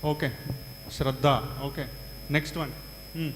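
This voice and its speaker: A man with a South Indian accent, his voice a little high with fairly even intonation, speaks at a measured pace as he teaches a large class in a big hall, repeating answers and prompting students with short questions. The interactive lecture is recorded in an echoey, reverberant hall with a faint hum.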